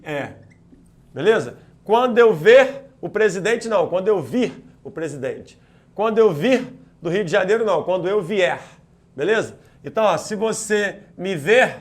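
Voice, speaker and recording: A male teacher giving a lively exam-prep grammar lecture, energetic and checking in with the class after nearly every point. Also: sits high. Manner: energetic, peppers talk with quick check-ins to students.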